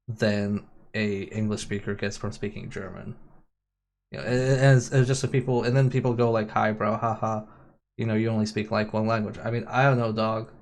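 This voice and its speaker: A man with a fairly low, slightly mellow voice streams a racing game whose music runs behind him. His talk meanders and is full of opinions, profanity, and mocking mimicry of other people.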